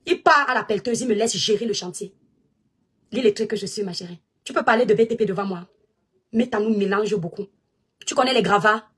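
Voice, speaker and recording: A woman's voice: medium pitch, brisk, fairly bright tone, breathy edge. A woman delivering a combative, mocking rant aimed at a rival, taunting her and insisting over and over. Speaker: online personality answering a rival.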